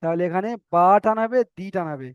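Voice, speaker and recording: A male teacher, giving a step-by-step recitation lesson, spelling out letters slowly and repeating syllables. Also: sits high, lively intonation, clean tone, no room sound, narrow, tinny audio. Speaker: Quran reading teacher.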